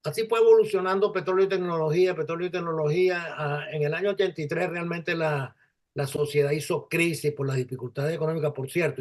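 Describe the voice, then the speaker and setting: A man in his seventies with a Venezuelan Spanish accent, a guest in an interview, speaking in a halting, reflective way with many restarts. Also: on the high side, darkish tone. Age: 70s. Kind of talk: conversational interview.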